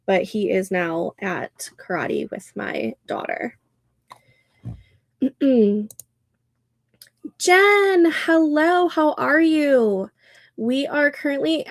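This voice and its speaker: In studio-quality audio with no room sound, a woman in her thirties runs a casual livestream, chatting, laughing frequently and reading out the chat. Her fairly high voice sounds nasal and congested.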